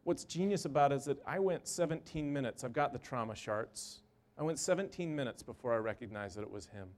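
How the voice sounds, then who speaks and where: A man who works in an emergency room gives a personal storytelling talk, earnest and halting, with short repeated phrases. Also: mid-range voice, darkish tone. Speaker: emergency room medical worker.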